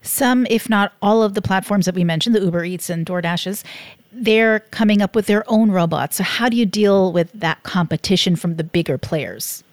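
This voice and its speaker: A woman with a mid-range voice hosts an interview. She puts clear, composed questions to her guest. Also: mid-range voice, normal speed. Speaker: interview host.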